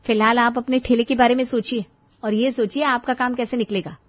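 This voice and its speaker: A woman voicing a calm, sensible older sister-in-law in a cartoon, speaking in a measured way. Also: a little high, no room sound, close to an everyday voice. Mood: tired. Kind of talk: cartoon voice acting. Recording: dull dry studio voice-over.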